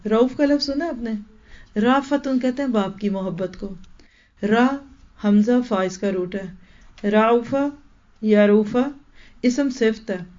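A woman's voice: mid-range voice, darkish tone. A woman teaching in a Quran lecture, explaining verses emphatically and asking the listeners rhetorical questions. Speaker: Islamic teacher. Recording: dull lo-fi recording.

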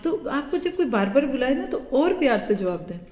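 A woman's voice: high voice, big pitch swings, a little mellow. A woman gives a hadith class lecture and acts out little scenes of everyday talk as she teaches. Her voice rings through a large hall with a long echo, and the sound is dull and lo-fi. She mixes English words into her lesson. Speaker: religious teacher.

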